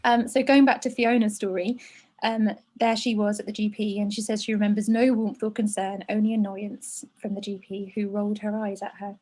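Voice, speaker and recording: A woman's voice: medium pitch, level tone, fairly quick, darkish tone. A woman co-hosting a podcast, chatting and reading aloud a listener's letter, emotional and laughing through tears. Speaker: podcast co-host. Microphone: video call.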